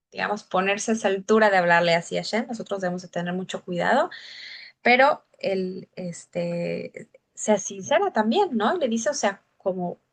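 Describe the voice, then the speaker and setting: Woman teacher, reflective Bible study delivery, asks rhetorical questions. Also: mid-range voice. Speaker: teacher of Psalms.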